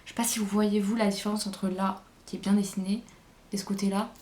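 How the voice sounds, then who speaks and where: A woman's voice: medium pitch, flat delivery, brisk, a little mellow. A woman vlogger chatting casually through a makeup tutorial, hesitant and thinking aloud as she goes. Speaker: beauty vlogger.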